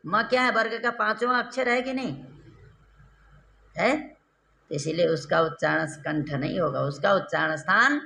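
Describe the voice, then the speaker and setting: A man teaching Sanskrit grammar in a classroom lecture, repeating terms and quizzing his students with rhetorical questions, slowing down and drawing out key syllables. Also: high voice, gravelly, bright, forceful tone, slight background noise. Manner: slow, drawn-out stressed syllables when explaining.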